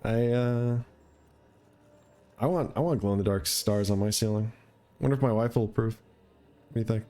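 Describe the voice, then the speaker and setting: Mellow, laid-back man doing gameplay commentary. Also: on the low side, moderate pace, pauses often. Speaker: gamer, let's play streamer.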